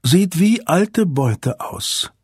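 A man voicing a suave, coldly courteous male agent in an audiobook, speaking softly with quiet menace. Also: a little high, big pitch swings, slightly rough, no room sound, studio quality, pitched above the performer's own voice, heavily acted. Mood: silky menace. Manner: soft, courteous, unhurried.

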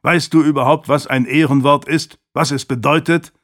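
A man's voice: fairly high pitch, fairly even intonation, normal speed, fairly bright tone, pitched above the performer's own voice, close to an everyday voice. A man voicing a stern, reproachful older merchant uncle in an audiobook reading. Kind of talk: audiobook character voice.

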